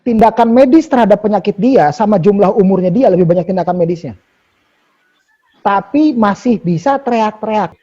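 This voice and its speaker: Animated man, high husky voice. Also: normal speed, lo-fi sound. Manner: animated, probing questions, emphatic repetition. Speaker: host.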